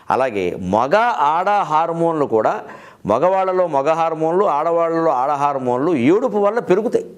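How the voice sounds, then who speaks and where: A middle-aged man giving a humorous literary talk in a storytelling manner, quoting verses slowly and adding lively asides. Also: on the high side. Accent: Telugu. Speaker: literary speaker and host.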